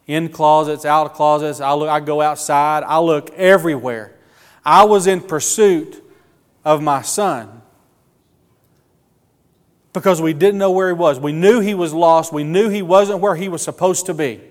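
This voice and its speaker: A man preaching a sermon, earnest and emotional, with slow emphatic phrasing. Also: on the high side, in a large hall.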